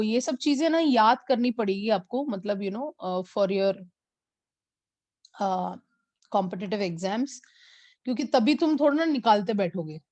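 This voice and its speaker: A woman physics teacher, mixing Hindi and as she teaches an online class and slowly repeats numbers for her students. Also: fairly high pitch, a little mellow, no room sound, highs cut off. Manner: mixes Hindi and English.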